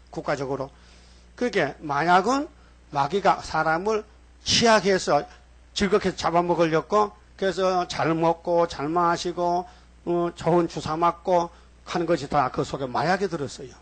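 A man preaching as a pastor in a church, in a rambling style that keeps putting questions straight to the congregation. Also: a little high. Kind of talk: sermon.

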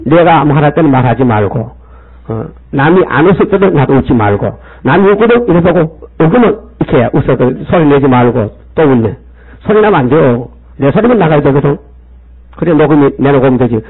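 A man's voice: fairly high pitch, lively intonation, fairly quick, breathy edge. A male pastor, preaching and scolding the congregation with rhetorical questions. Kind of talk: sermon. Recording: tinny phone-like sound.

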